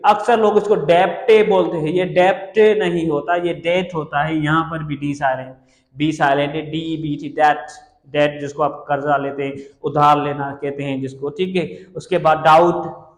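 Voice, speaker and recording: A man with a somewhat high voice teaches a classroom lecture, saying each word several times and spelling it out letter by letter. The room rings with a long, echoey reverb around him. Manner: repeats words slowly, spelling letters aloud. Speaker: English teacher.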